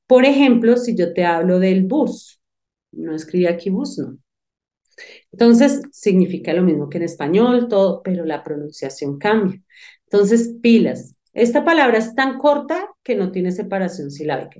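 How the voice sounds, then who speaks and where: Woman teacher, mellow and warm, chatty lesson delivery with direct address. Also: mid-range voice. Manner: lively, talks directly to the student, thinks aloud. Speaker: English teacher. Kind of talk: online phonics lesson.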